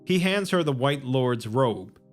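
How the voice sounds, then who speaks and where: A man narrating a dark fantasy story in a slow, measured, scripted style. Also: mid-range voice, lively intonation. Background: soft background music.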